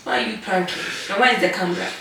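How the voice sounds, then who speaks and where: A woman's voice: mid-range voice, rapid-fire, vocal fry. A sleepy woman complaining in a casual domestic argument, repeating herself and exclaiming. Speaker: wife being pranked. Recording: echoey, distant mic, noisy room.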